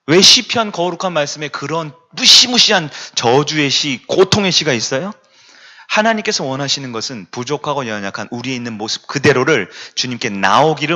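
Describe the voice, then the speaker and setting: Animated, bright-voiced male pastor preaching. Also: mid-range voice. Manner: emphatic preaching with rhetorical questions to the congregation. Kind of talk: sermon. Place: church sanctuary.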